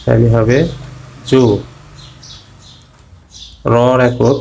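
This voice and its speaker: A man's voice: medium pitch, monotone, very slow, gravelly, a little mellow, low-quality recording. A man teaching Quran reading step by step, patiently spelling out each letter sound one at a time. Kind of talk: slow step-by-step lesson.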